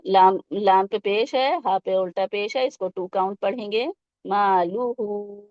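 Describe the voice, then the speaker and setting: A woman's voice: mid-range voice, no room sound. Patient woman teaching children to recite. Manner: patient step-by-step explaining, asking the children questions; mixes English words into her teaching. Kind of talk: tajweed lesson with slow recitation. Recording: dull, lo-fi and dry.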